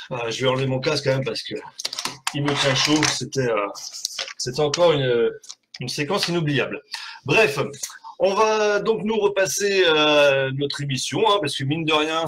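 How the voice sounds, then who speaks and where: A man's voice: medium pitch, a bit bright, slight background noise, low-quality recording. A man hosting a live web show, chatting casually and rambling, swearing freely and joking at his own expense. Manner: rambling, swears often, self-mocking. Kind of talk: casual live-stream chat.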